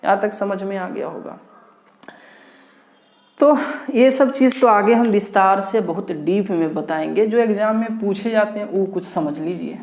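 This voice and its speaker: Slow, drilling woman teacher in echoey room. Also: medium pitch, a little mellow. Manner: repeats key points and drills students with rhetorical questions. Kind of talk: online exam-prep lecture.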